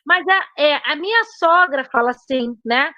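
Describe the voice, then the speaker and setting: A middle-aged woman student telling a personal story in class, halting and searching for words. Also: high-pitched, lively intonation, pushed and bright, no echo, dull audio. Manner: hesitant, with many fillers and restarts.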